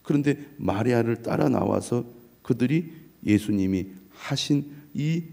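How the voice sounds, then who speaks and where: A middle-aged man, a pastor, preaching an early morning sermon in a measured way and reading scripture aloud. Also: mid-range voice, animated, gravelly, mellow.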